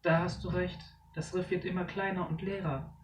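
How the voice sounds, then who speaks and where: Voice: medium pitch, level tone, normal speed, echoey room, far from the mic, a little hiss or hum, close to an everyday voice. Robert, a narrator voicing an uneasy father fish. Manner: uneasy, warning.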